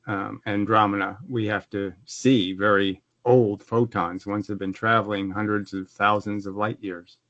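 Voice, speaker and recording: A man with a fairly low voice explains his ideas over a video call, and the sound is dull and lo-fi. The audio is dry, with almost no room sound. He restarts his sentences often and gets more animated when he is pushed. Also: a little slow, few pauses, no echo. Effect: heard over a video call. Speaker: guest explaining his physics model. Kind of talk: conversational explaining.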